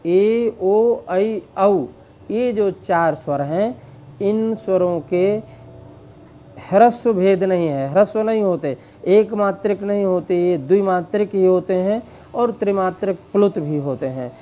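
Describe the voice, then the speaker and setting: A man teaching Sanskrit grammar in a slow explanatory lecture, drawing out vowel sounds to demonstrate them, with frequent fillers. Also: high voice, muffled recording, slight background noise. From India.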